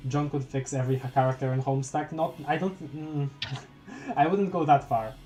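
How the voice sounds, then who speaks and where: A man's voice: a little high, moderate pace, mellow, soft background music. A young man streaming a live read of a webcomic, rambling and stammering as he chats with his viewers. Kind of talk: live-reading a webcomic aloud.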